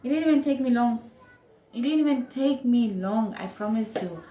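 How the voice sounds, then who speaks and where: Animated Namibian woman telling a story. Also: on the high side, moderate pace, roomy sound, dull audio, slight background noise. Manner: animated, acts out moments with quoted voices and sound effects. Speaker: vlogger. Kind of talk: casual storytelling to camera.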